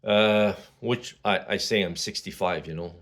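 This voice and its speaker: A man's voice: deep voice, a little slow, a bit bright. Man, sixties, from Quebec, casual vlog monologue, rambling, full of fillers and restarts. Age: 60s. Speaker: vlogger.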